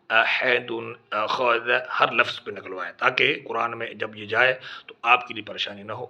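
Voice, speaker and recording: A man's voice: medium pitch, vocal fry, bright, forceful tone. A man teaching other teachers how to instruct children in Quran reading, patiently spelling out drill syllables one by one. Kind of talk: instructional talk. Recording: dull lo-fi recording.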